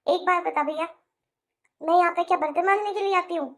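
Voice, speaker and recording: A woman's voice: very high-pitched, fairly quick, a bit bright. A woman voicing a sulky young married sister in a cartoon, complaining in an aggrieved way with a Hindi accent. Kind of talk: cartoon voice acting.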